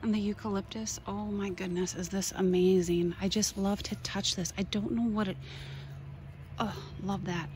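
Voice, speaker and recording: A woman from Minnesota who vlogs about gardening gives a casual, enthusiastic tour of her container garden outdoors, pointing things out as she films on her handheld phone. She talks at a normal speed in a medium-pitched voice with fairly even intonation, and background noise is present.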